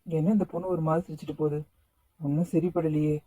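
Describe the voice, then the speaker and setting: Someone voicing a chill cartoon guy, teasing and coaxing, dark husky voice, dry sound. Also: mid-range voice, level tone, quick pace, no room sound, natural voice, rough recording. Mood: friendly. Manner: coaxing, easygoing. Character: friendly, teasing young man. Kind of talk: cartoon voice acting.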